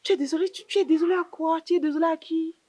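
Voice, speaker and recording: A woman's voice: very high voice, fairly even intonation, racing, dark tone, no room sound. A young woman playing a sassy, scheming younger aunt in a sitcom, needling everyone with rhetorical questions and repeated "hein". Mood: mocking. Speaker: sitcom actress. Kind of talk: comedic sitcom acting.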